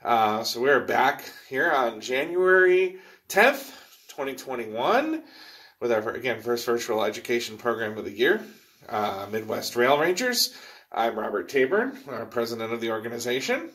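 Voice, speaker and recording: A man's voice: mid-range voice, sing-song, moderate pace, fairly bright tone. A man hosting a casual live virtual program from underground in a mine, talking in a folksy, rambling way. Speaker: host and president of a rail education group.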